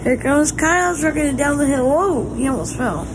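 With lively intonation and a normal pace, a Southern-accented woman chats casually to her family vlog viewers, drawling in a folksy, encouraging manner. The handheld recording is noisy, with a vehicle rumbling underneath.

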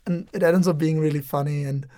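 A young woman from the Netherlands, a native Dutch speaker with a Dutch accent, talks on a student podcast as an international exchange student. Her voice is deep and mellow, with fairly even intonation and a brisk pace. She's casual and thoughtful but hesitant, with many "um"s and restarts.

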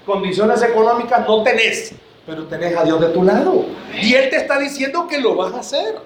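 A man's voice: high voice, lively intonation, fairly quick, reverberant, a little hiss or hum. A man preaching a sermon to his church, joking and calling his listeners brother.

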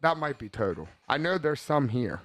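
A man in his thirties talks over a casual podcast chat, rambling and swearing freely, with a laugh breaking in now and then. His voice sits at an ordinary middle pitch and is recorded close and dry. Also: big pitch swings, normal speed, dry recording. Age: 30s. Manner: rambling, profane, laughs often. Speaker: podcast host.

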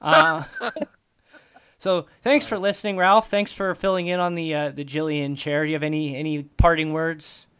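A man's voice: fairly high pitch, steady tone, moderate pace, a bit bright, clear, resonant tone. A man hosting a casual sports podcast, laid-back and teasing. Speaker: podcast host.

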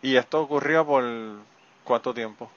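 A man's voice: mid-range voice, normal speed, highs cut off. A man hosting a podcast interview, talking frankly and reflectively and swearing casually. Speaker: podcast host. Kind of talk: candid interview chat.

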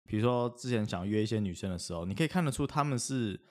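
A man's voice: fairly low pitch, lively intonation, fast talker, darkish tone. A man in casual podcast chat, explaining things in a matter-of-fact way.

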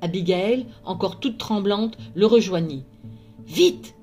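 Give me a woman reading a storybook aloud, calm and expressive. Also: mid-range voice, measured pace, faint music behind.

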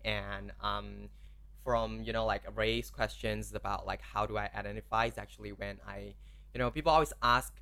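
A man's voice: on the low side, fairly even intonation, normal speed, gravelly, sharp tone, smooth. A man in his twenties from Malaysia, a podcast guest talking openly and frankly, often saying "like". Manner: open, frank, says "like" often. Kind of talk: casual podcast chat.

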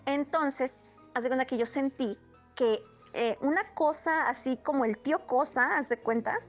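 A woman in her thirties tells a personal story in a loose, meandering way. She often stops to restart her sentences. Her voice sits a little high, with faint music playing behind her. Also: normal speed. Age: 30s. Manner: rambling, many fillers and restarts. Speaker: guest storyteller. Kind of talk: casual first-person storytelling.

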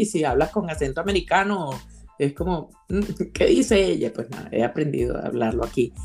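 A woman's voice: sits low, a little mellow. A woman from Venezuela with a Venezuelan accent, chatting casually and laughing often. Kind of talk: casual chat.

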